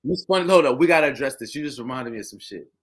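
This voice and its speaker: A man's voice: medium pitch, expressive. A man co-hosting a podcast, teasing and cursing in casual chat and saying "yo" a lot. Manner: joking, profane, quick to tease, says "yo" a lot. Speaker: podcast co-host.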